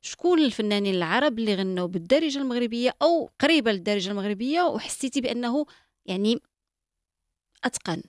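A female interviewer with a Moroccan accent asking probing questions with quick follow-ups. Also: a little high, animated, no echo, clean studio sound.

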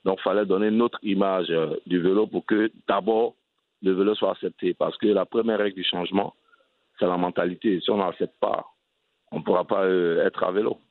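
Over a dry, tinny phone-line recording, an Ivorian man who champions cycling responds sincerely to interview questions, frequently starting his sentences over. He speaks fairly quickly in a low, steady voice with an Ivorian French accent.

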